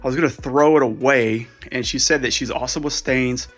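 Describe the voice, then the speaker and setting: Faint music sits behind a medium-pitched, fairly quick and fairly bright male voice. He's a resale vlogger casually going through a pile of clothes, chatty and a bit winded, thinking aloud as he sorts.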